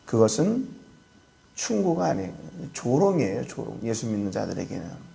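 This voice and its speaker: Earnest Korean pastor preaching softly. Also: male voice, medium pitch, big pitch swings, normal speed, vocal fry. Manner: earnest preaching, acts out scoffers' voices, rising then dropping to soft emphasis. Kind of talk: early-morning prayer sermon.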